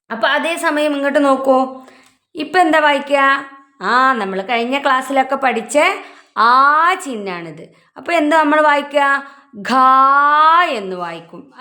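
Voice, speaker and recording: A woman with a Malayali accent teaching a children's alphabet lesson, asking questions and answering them herself with drawn-out syllables. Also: high voice, fairly bright tone.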